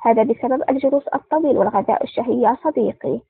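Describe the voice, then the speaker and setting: A woman's voice: fairly high pitch, rapid-fire, vocal fry, husky, no room sound. A woman voicing a cheerful, teasing plump male lab technician in an audiobook. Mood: jovial. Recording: tinny phone-like sound.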